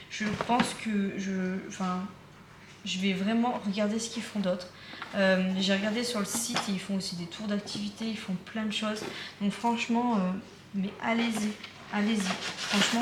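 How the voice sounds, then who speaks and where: A young woman chatting casually in a vlog at home, enthusiastic and rambling with many fillers and repetitions. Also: medium pitch. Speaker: vlogger. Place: at home, indoors. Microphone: phone or camera close by. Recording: echoey room with background noise.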